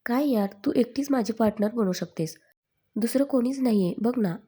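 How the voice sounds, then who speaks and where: A woman's voice: a little high, normal speed, warm tone, slightly rough. Cheeky teasing young man, as a woman reads him. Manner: cheeky, joking.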